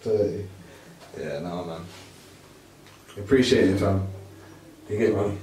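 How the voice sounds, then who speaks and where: A man's voice: low-pitched, slow, dark tone, a little hiss or hum. A young man with a London roadman accent, chatting casually in laid-back slang with short agreeing replies. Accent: London roadman, multicultural London English. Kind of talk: casual chat. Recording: roomy echo, distant from mic.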